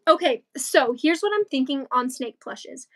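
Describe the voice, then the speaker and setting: A teenage girl co-hosting a crochet livestream chats casually and rambles, packing her talk with likes and ums. Her high, slightly bright voice is animated and moves at normal speed.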